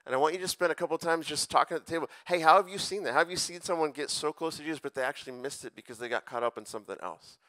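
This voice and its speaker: Brief: casual young male youth speaker, bright, crisp voice, chatty and loose. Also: on the high side, rapid-fire, hardly any pauses, dry recording. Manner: casual, chatty, many fillers. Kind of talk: casual sermon to young adults.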